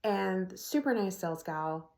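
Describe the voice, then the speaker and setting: A woman's voice: mid-range voice, animated, a little slow, gravelly, darkish tone, reverberant. A middle-aged woman casually telling a personal story to her phone camera, laughing often as she talks. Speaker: vlogger. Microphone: phone propped on an ironing board.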